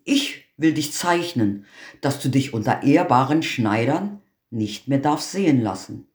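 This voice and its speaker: A man voicing a quick-tempered old tailor in a fairy tale reading, with scolding exclamations. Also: medium pitch, expressive. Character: old tailor, quick to anger, stern father. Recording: roomy echo.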